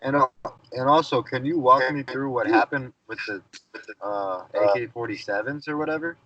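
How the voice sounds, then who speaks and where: A man's voice: mid-range voice, brisk, pushed and bright, no room sound. Teasing man on a muffled call. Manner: teasing, laughing. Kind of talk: casual chat. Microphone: video call.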